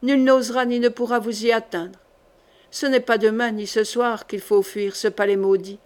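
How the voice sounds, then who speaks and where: A woman's voice: on the high side, fairly even intonation, normal speed, darkish tone, natural voice. A woman reading the lines of an ambitious duke in a historical audiobook, urging a young woman with feverish insistence. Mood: urgent. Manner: urgent, feverish pleading. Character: passionate ambitious duke, grown man.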